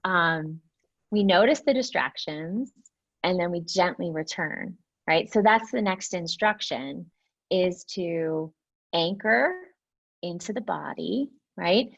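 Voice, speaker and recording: A woman leads a mindfulness class in a low, gravelly voice. She speaks gently and reflectively, often checking in with "right?". The sound is dull and lo-fi, like a video call. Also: lively intonation, slow pace. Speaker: meditation teacher.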